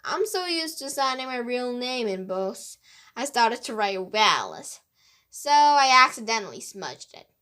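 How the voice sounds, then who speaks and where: Slightly slow and exaggerated, a woman's high-leaning voice brings to life a mischievous woman writer in a children's mystery. As she explains herself, the character leans into playful, animated stress on her words.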